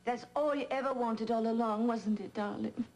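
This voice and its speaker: A woman's voice: a little high, fairly even intonation, normal speed, darkish tone, a little hiss or hum, lightly acted. An actress playing an anxious, cautious woman who frets and calls people darling, in 1980s TV soap acting. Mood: worried. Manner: fretful, calls others darling.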